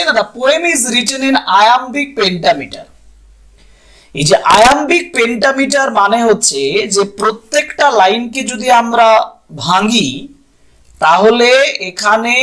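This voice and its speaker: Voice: medium pitch, fairly bright tone. A teacher with a Bengali accent explaining exam questions, repeating each point in two languages and spelling out words. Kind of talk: exam-prep lesson in Bengali and English.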